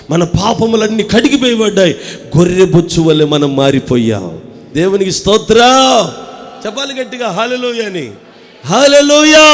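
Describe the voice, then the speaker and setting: A pastor from Andhra Pradesh, India, preaching a fervent sermon in church. He calls on the congregation to answer, swinging between loud proclaiming and hushed storytelling. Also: sits high, creaky. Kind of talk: impassioned sermon.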